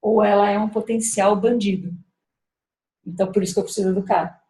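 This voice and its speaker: A middle-aged woman speaking thoughtfully about raising children, often pausing and restarting as she searches for words. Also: medium pitch, steady tone, warm tone, roomy sound, slight background noise. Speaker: speaker at a parenting gathering. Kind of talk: reflective talk with personal story.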